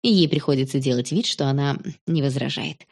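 Mellow woman reading a children's story. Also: very deep voice, a little fast, vocal fry, slightly rough. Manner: calm, even storytelling. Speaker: narrator. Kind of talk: audiobook narration of a children's story.

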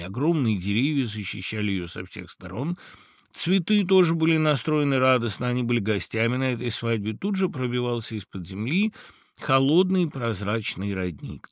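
A man narrating a fairy tale with expressive, animated storytelling. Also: mid-range voice, no echo, clean studio sound.

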